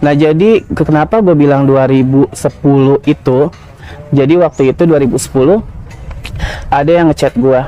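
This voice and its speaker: Man, 30s, podcast guest, warm mellow tone, casual confessional storytelling. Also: on the high side, moderate pace, lo-fi sound. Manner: casual slangy confessional, many fillers. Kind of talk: personal storytelling.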